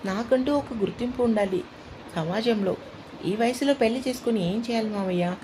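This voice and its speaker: A woman's voice: on the high side, normal speed, noisy background, natural voice. A woman voicing an eager young niece who dreams of studying medicine, speaking in a tender, pleading way.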